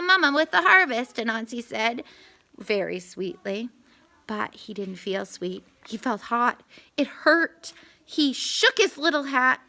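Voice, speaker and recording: A woman reading a children's storybook aloud, expressive, with little asides and corrections. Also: high voice.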